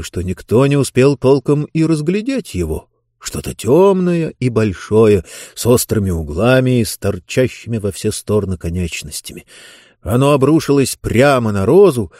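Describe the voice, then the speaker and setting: A man narrating a fantasy story with expressive, dramatic intonation, read close to the mic. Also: medium pitch, dry recording. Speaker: audiobook narrator.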